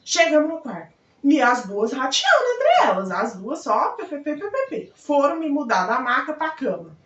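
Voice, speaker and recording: High-voiced young woman in an echoey room. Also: moderate pace. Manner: lively, acts out quoted voices, laughs often. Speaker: vlogger. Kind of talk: casual storytelling. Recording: echoey room heard from a distance, dull sound.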